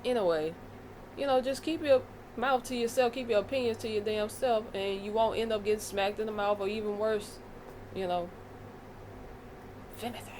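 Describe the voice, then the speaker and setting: A woman's voice: medium pitch, steady tone, normal speed, long pauses, a little mellow, a little hiss or hum. An American woman vlogging a casual commentary rant, blunt and profane, with a fired-up delivery. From United States.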